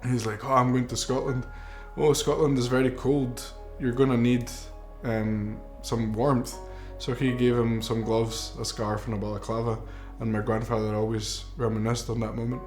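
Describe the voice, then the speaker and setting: Soft guitar plays beneath an earnest young Mexican filmmaker in his twenties as he narrates a documentary. His mid-range voice is level, at normal speed with few pauses, reflective and touched by some fillers, and the space sounds roomy.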